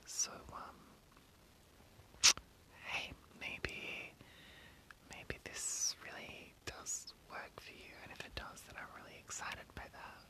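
An ASMR host speaking entirely in a breathy whisper, reading an article aloud and adding informal, rambling asides. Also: slow pace, bright, forceful tone, poor audio. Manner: informal, rambling, self-commenting.

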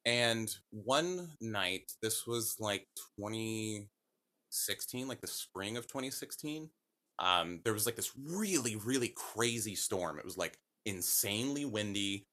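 Low bright-voiced man telling a story. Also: expressive, unhurried. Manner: rambling, self-correcting, with lots of fillers. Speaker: podcast guest. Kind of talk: casual storytelling.

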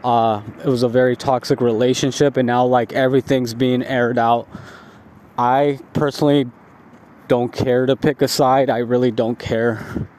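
A man who is high and tired, talking in a laid-back, rambling stoner drawl, like a casual spoken diary. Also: little pitch movement, normal speed, a little mellow. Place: outdoors, walking along a residential street at night. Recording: outdoor street noise with passing cars.

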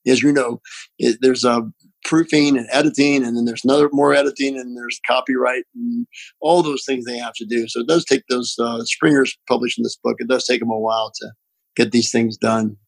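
A man's voice: mid-range voice, fairly even intonation, a little fast, creaky, no room sound, low-quality recording. A middle-aged man with an Appalachian accent, a doctor answering interview questions conversationally. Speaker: pain physician, interview guest.

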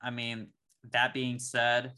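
Bright-voiced excitable young man. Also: medium pitch, slow pace. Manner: excitable, rambling with restarts. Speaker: podcast co-host. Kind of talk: casual sports chat.

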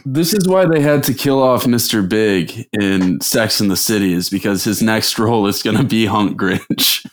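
A man guesting on a podcast, dropping quick jokes in casual chat. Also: fairly low pitch.

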